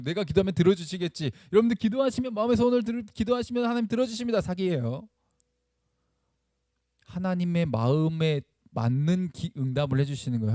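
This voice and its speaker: A man preaching a lively sermon, asking the congregation questions and acting out the voices of the people in the story. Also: on the high side, no echo, studio quality. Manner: animated, acts out quoted voices, asks the congregation questions; admits using blunt speech when excited. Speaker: pastor.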